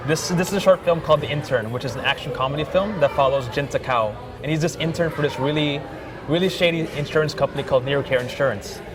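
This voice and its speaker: Fast-talking young man, rambling. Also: fairly high pitch. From Thailand. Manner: rambling, lots of "like" fillers. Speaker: filmmaker guest. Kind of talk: casual interview. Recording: music playing behind.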